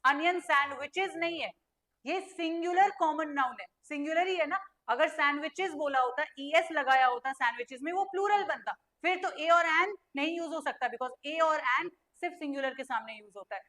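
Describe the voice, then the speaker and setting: A young woman teaching an online grammar lesson. She asks her students questions and answers them herself, and she spells letters out slowly. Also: high-pitched, a bit bright.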